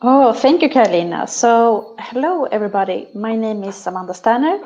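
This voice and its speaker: A woman's voice: a little high, lively intonation, moderate pace, dark tone, dull audio. A woman from Sweden introducing herself on a live online panel, cheerful and enthusiastic. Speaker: panelist, workplace specialist.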